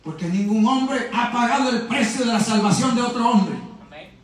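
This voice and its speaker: A male pastor preaching a sermon with passion, jumping from loud shouts to quiet, hushed asides. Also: very high-pitched, normal speed. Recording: echoey hall, voice from a distance.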